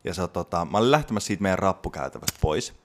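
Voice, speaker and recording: A man's voice: low-pitched, lively intonation. A young man, chatting casually and telling a story with lots of fillers and restarts. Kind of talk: casual chat.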